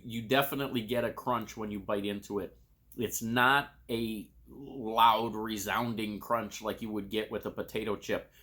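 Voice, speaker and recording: Bright-voiced man reviewing snacks on camera. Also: medium pitch. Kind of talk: casual food review to camera.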